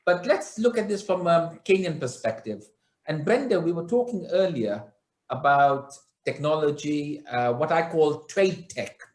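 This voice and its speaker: A man with a slightly high voice moderates a panel, sounding agreeable and conversational as he puts questions to the guests. His voice carries a roomy echo. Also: expressive, unhurried.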